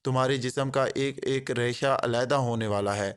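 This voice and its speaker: A man's voice: medium pitch, steady tone, smooth, close to an everyday voice. A man voicing an arrogant, short male gang boss who talks in a harsh, sarcastic way. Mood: sneering.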